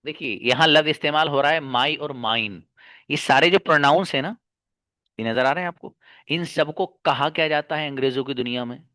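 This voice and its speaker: A man teaches English grammar in an explanatory lesson, his voice fairly high-pitched and sharp at a normal speed, recorded dry. He often repeats key terms, asks rhetorical questions, and affectionately calls his listeners "babu."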